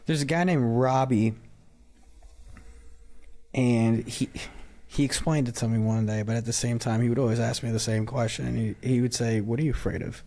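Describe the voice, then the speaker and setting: A man's voice: medium pitch, fairly even intonation, moderate pace, pauses often. Young man casually telling a personal story. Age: young adult. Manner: casual, acts out quoted dialogue, drops to quiet reflection. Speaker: interview guest, addiction interventionist. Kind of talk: conversational storytelling.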